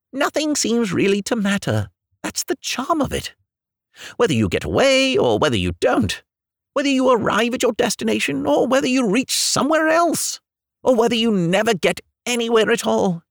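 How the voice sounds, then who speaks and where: A man's voice: high voice, dry recording, clean studio sound, voice pushed up, heavily acted. A man voicing a cheerful, dreamy male water rat who loves boats, in a sing-song, easygoing storybook reading.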